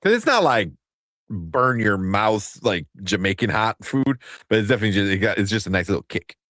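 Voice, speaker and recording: Casual male co-host, deep voice, close dry mic, laughs a lot. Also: sing-song, fairly quick, a bit bright, no room sound. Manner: laughs often, loose and rambling. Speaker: podcast host. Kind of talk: casual chat.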